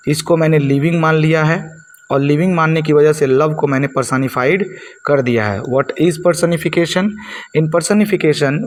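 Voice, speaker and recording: A man teaching poetic devices, asking and answering his own questions and repeating key words for his students. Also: fairly high pitch. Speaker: English teacher. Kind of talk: blackboard lesson explaining poetic devices.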